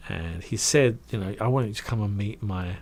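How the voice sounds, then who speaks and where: Brief: middle-aged Englishman, lowish voice, chatty storyteller who acts out the voices he quotes. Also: normal speed. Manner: animated, acts out quoted voices, trails off into asides. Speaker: guest recounting his career. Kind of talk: casual anecdotal storytelling.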